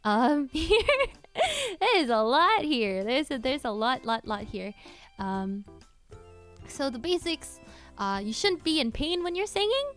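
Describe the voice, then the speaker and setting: A bubbly young-sounding woman with a fairly high voice chats through a livestream Q&A, giggling often and jumping between thoughts. Faint music plays underneath. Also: very animated, measured pace, a bit bright. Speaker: cover singer and streamer. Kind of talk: casual livestream Q&A.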